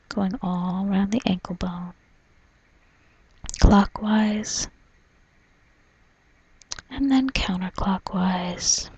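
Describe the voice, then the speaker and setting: A woman doing a whispered role-play as a spa massage therapist, in a soft, soothing, breathy whisper, narrating gently. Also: medium pitch, no echo, highs cut off. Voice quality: breathy, mostly unvoiced whisper. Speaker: reflexologist giving a foot massage.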